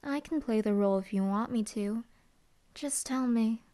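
In an audio roleplay, a young woman takes on the role of a female hellhound demon bodyguard who is dry, teasing, and easygoing. Her voice runs on the high side and sounds mellow, delivered at normal speed with light acting.

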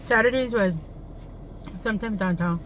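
A middle-aged woman from San Antonio, talking with her mouth full in a relaxed, reminiscing way while eating on camera. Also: mid-range voice, slight background noise, poor audio. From San Antonio, Texas. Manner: reminiscing, unhurried, chewing between words. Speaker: eating show host. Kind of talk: casual chat while eating.

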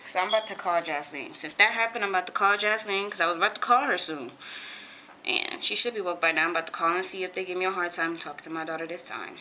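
A woman's voice: lowish voice, fast talker, slight background noise, rough recording. A woman in her twenties from California, talking casually and swearing freely in a home vlog. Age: 20s. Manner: animated, swears freely, repeats herself. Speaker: vlogger.

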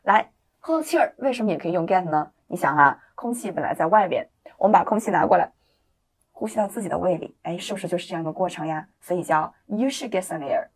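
Woman teacher kinda low voice, reads english examples slow and clear, encouraging. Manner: reads English example sentences slowly and clearly for learners to repeat; explains in lively, encouraging classroom talk. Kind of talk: online video lesson.

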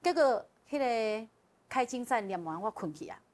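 Woman telling her own story on a talk show, gets animated, laughs a lot. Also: on the high side, normal speed. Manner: animated, often laughing, with vivid emotional retelling. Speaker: guest sharing a personal testimony. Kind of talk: casual spoken storytelling.

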